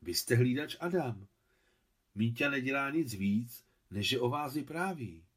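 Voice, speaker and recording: A man's voice: mid-range voice, lively intonation, natural voice. A man reading an audiobook, voicing an anxious, tearful young mother who speaks eagerly and with emotion.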